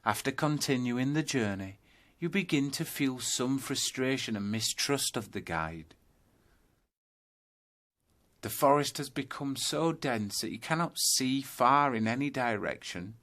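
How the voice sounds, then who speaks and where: A man narrates a scripted yoga nidra meditation, guiding listeners through a journey in measured second-person storytelling. His voice is medium in pitch, expressive and a bit bright.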